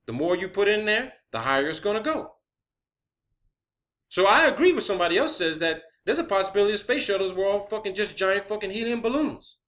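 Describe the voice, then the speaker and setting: In an improvised online monologue about a conspiracy theory, a man speaks high-pitched, animated and a little fast, with a slightly bright tone. He insists, swears often, and repeats himself and poses rhetorical questions to push his points.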